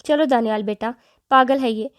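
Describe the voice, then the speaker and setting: A woman's voice: fairly high pitch, natural voice. A woman reading the part of a stern middle-aged father in an audio novel, curt and scolding.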